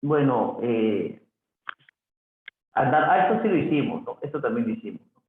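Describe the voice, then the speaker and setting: A man teaching a grammar review lesson, slowly reading answers aloud and repeating them for the student. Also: mid-range voice, very animated, slight background noise. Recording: echoey, phone-like lo-fi audio.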